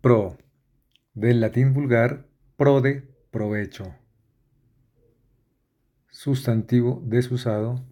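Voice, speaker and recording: Slow, mellow man reading dictionary entries. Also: medium pitch. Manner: measured, spells out word endings letter by letter.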